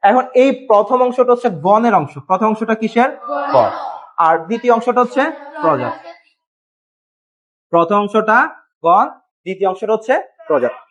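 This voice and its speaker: A man with a high voice teaches a biology class at a board. He asks his students questions and answers them himself, spelling out terms letter by letter. The recording is dull and lo-fi. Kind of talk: classroom lesson.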